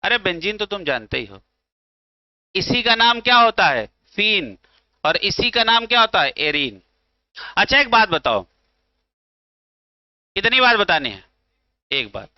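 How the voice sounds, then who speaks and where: High-voiced, slow-talking Indian chemistry teacher. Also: male voice, sing-song, dry recording. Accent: Hindi from north India. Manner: asks students questions and answers them himself; calls students beta and bhaiya. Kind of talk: classroom lecture. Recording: slightly dull, dry sound.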